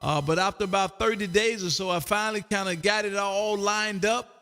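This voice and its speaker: His voice sits high and bright, steady yet forceful, and he talks fairly quickly. The man is an amateur radio operator hosting a casual, exuberant, folksy ham chat livestreamed from his home radio room. Long hall reverb colors the sound.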